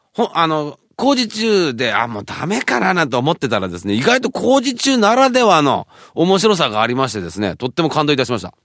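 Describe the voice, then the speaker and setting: A man's voice: medium pitch, a bit bright, no room sound, studio quality. A man hosting a radio show in a chatty, casual style.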